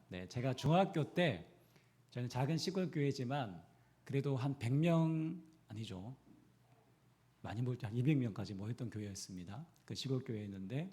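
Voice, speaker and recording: A male pastor from the Gyeongsang region preaches a sermon in church and keeps asking the congregation questions. His delivery is animated, with wide swings in pitch. His voice is dark and mellow. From Gyeongsang region, Korea.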